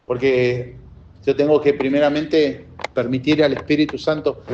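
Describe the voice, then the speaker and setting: A man preaching a sermon as pastor, impassioned and swinging between loud and soft. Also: mid-range voice, flat delivery, moderate pace, slight background noise. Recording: dull lo-fi sound.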